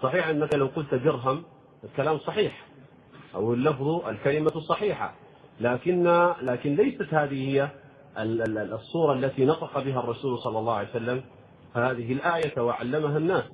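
A man teaching the rules of Quran recitation in a measured lecture, demonstrating sounds and questioning his students. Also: medium pitch. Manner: explains slowly, demonstrates pronunciation, asks students questions. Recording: tinny lo-fi phone-like recording, faint noise.

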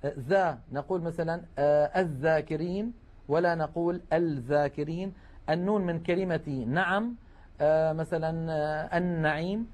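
A man's voice: fairly high pitch, moderate pace, a little mellow. A man teaching Quran recitation rules in a broadcast lesson, explaining patiently with frequent hesitations.

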